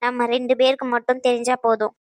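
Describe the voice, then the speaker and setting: A woman's voice: on the high side, level tone, fast talker, no echo. A woman doing cartoon dub voice acting in a bossy, scolding manner. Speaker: cartoon voice actor.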